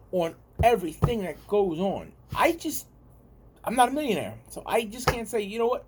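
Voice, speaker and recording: A man's voice: sits high, a little mellow. A man from the United States with a New York accent, chatting casually to his viewers and rambling and repeating himself. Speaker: vlogger. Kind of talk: casual talk to camera.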